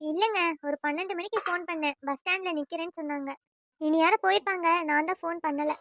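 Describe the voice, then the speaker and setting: Cartoon: a woman as a meek young daughter-in-law, soft and pleading, high bright dry read. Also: quick pace, dry recording. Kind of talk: cartoon voice acting.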